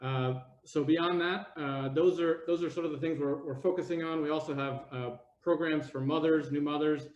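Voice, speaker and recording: Halting man on an echoey call. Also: on the high side, steady tone. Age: 40s. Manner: halting, many fillers and restarts. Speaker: committee presenter. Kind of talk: casual update on a video call. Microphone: video call. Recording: echoey, dull video call audio.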